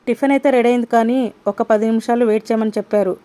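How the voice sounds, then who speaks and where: A woman's voice: a little high, fairly even intonation, very fast, dark tone, lightly acted. Woman reading a curt scheming young wife. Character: scheming young wife defending her husband.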